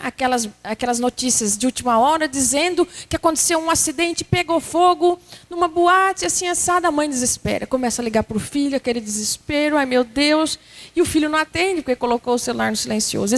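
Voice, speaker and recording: A woman with a Brazilian Portuguese accent giving a spiritist talk, telling stories lively and acting out everyday scenes. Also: high-pitched. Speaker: spiritist lecturer.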